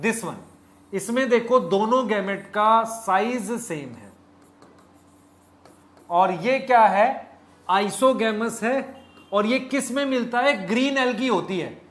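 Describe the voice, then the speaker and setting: A man teaching biology in a live online lecture in speech, repeating key points and quizzing his students. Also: high-pitched.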